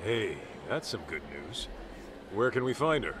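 Low-voiced, streetwise detective. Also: male voice, very animated, unhurried, noisy background. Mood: polite, businesslike. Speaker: video game character. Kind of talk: English game dub acting.

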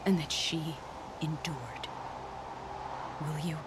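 An actress playing a grieving but resolute young outcast hunter in a video game, solemn and hushed. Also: female voice, deep voice, slow, heavy background noise. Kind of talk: dramatic video game acting. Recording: loud music behind. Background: game score music.

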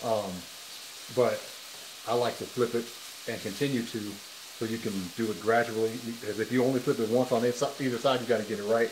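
A man's voice: mid-range voice, steady tone, fairly quick. A man co-hosting a casual cooking vlog, talking easily while he cooks. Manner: laid-back, reads out viewer comments. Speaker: co-host, husband. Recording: echoey kitchen with hiss.

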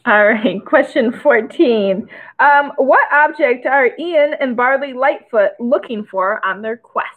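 High-voiced young woman with Michigan accent. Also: takes it slowly, phone-quality sound. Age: young adult. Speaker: trivia host. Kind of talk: casual quiz hosting with chat. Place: small indoor room by a window.

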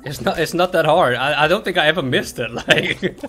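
A man's voice: fairly high pitch, fairly quick, fairly bright tone, faint music behind. A man hosting a gaming session, chatting casually, laughing often and trash-talking other players. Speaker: gaming channel host.

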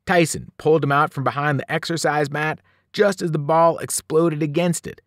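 Animated man reading a story aloud. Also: no room sound, studio quality. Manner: animated storytelling, shifting pitch and loudness with the action. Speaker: teacher reading a novel aloud. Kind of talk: expressive read-aloud narration.

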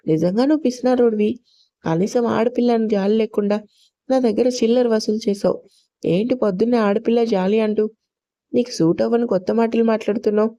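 A woman's voice: a little high, a little fast, mellow, natural voice. A woman voicing a feisty young female employee who talks back to her boss in an audio story. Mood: defiant. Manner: defiant, quarrelsome.

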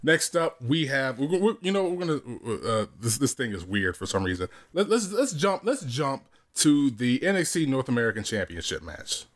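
A man's voice: mid-range voice, sing-song, moderate pace, few pauses. A man co-hosting a casual wrestling predictions podcast, rambling with restarts and casual swearing. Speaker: podcast co-host.

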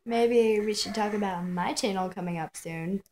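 A woman's voice: medium pitch, moderate pace, a little mellow, slight background noise. A young woman chatting casually as a vlog co-host, recorded indoors on a phone held out on a selfie stick. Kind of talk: casual chat. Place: small dim room indoors. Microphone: phone on a selfie stick at arm's length.

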